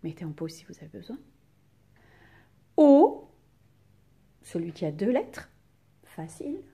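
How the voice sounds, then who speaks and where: A woman teacher giving a slow, patient reading lesson to young children, sounding out syllables and asking the class questions. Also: lowish voice, sing-song, gravelly, dark tone. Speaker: primary school teacher.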